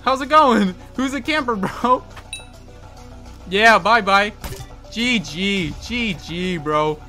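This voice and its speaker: A young man giving excitable gameplay commentary, laughing often and trash-talking opponents. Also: sits high, slow pace, faint music behind. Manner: excitable trash-talk, frequent laughing, says bro constantly. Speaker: gaming video creator.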